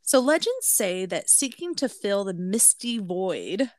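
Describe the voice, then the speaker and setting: A woman's voice: medium pitch, big pitch swings, a little slow, no room sound, clean studio sound. A woman co-hosting a podcast in a casual, playful and informal way. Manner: giggly, playful. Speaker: podcast co-host. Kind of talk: casual chat with some reading from notes.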